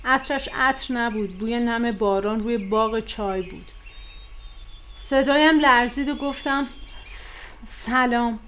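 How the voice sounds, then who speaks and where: A woman tells a comic family story with lively, expressive delivery. Her voice sits fairly high, with faint room noise behind it. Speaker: narrator. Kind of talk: scripted comic narration.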